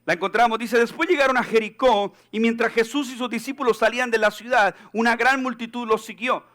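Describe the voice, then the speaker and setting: Male pastor, high-pitched, playful and animated sermon delivery in a church. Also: brisk. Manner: animated, joking, acts out quoted voices.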